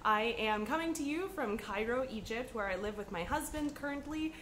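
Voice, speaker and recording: An American woman hosting a podcast chats to camera in a casual, upbeat, meandering way, full of ums and a little sniffly from a cold. Her voice sits slightly high and sounds expressive and somewhat bright at a moderate pace, with some faint background noise.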